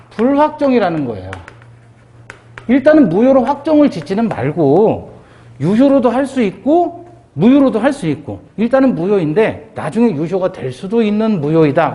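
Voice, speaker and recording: A man's voice: high voice, warm tone. A middle-aged man lecturing on civil law for exam preparation, asking the class rhetorical questions and acting out little dialogues in quoted voices.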